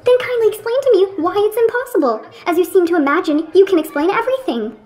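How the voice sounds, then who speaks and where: A woman voices a pompous, short-tempered man for a radio play, pitching him high with sharp rises and falls. Offended, he lectures a friend in a condescending, indignant tone with fussy precision, delivered fast, expressively, and a little mellow.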